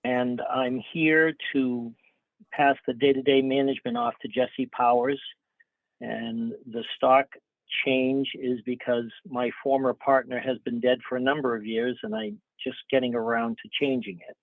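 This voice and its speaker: An older man and business owner speaking on a video call, hesitant and apologetic, with halting restarts. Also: medium pitch, no room sound. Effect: on a video call, phone-like sound. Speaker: business owner at a licensing hearing. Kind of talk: remote testimony at a public hearing. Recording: dry, tinny video call audio.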